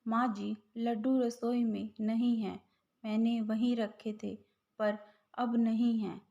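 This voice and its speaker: A woman's voice: a little high, little pitch movement, takes it slowly, creaky, mellow. A woman voicing a dutiful, respectful young daughter-in-law and mother in a storybook tale, on a slightly dull recording. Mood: polite.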